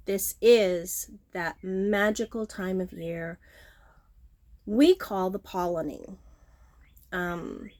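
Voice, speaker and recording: Sitting outside on her front porch at home, a middle-aged vlogger and horticulturist from the Texas Gulf Coast chats casually to the camera. She has a fairly low-pitched, nasal, sniffly voice, says um often, and is self-deprecating and talkative.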